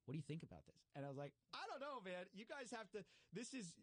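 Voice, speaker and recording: A man talking casually and explaining at length, animated, with frequent fillers and restarts. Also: high-pitched, quick pace, no room sound.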